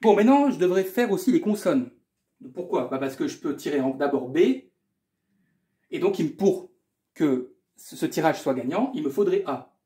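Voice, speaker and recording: An echoey room carries the voice of a male math tutor explaining an exam correction at normal speed. Slightly high but mellow and soft around the edges, his lively delivery wanders as he thinks out loud, repeats himself, and drops casual remarks.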